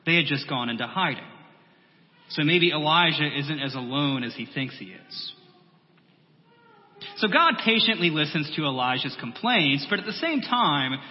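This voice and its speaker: A male pastor delivering a measured sermon, building through repeated phrases and dropping to a soft, quiet voice. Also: a little high. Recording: long hall reverb, muffled sound.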